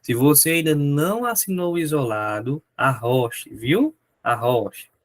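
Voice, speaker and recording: A male teacher runs a live online lesson, joking and chatting with his viewers. His voice sits high and swings widely in pitch. The sound is close and dry. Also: expressive, a little slow, dry recording.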